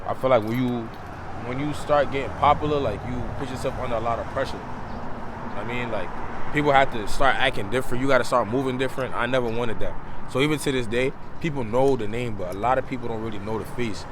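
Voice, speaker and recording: A man's voice: mid-range voice, fast, noisy background. A man in his twenties from Brooklyn, a DJ and promoter, talking loosely and slangily as an interview guest, recorded outdoors by a street. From Brooklyn, New York. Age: 20s. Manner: loose, slangy, rambling storyteller.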